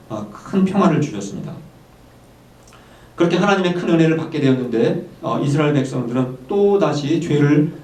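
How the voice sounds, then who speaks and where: Man, pastor preaching, unhurried delivery with fillers, roomy echo, distant mic. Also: medium pitch, darkish tone. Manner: measured preaching with frequent hesitant "uh" fillers; slows down to read scripture aloud. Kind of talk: sermon. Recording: echoey room, voice from far off.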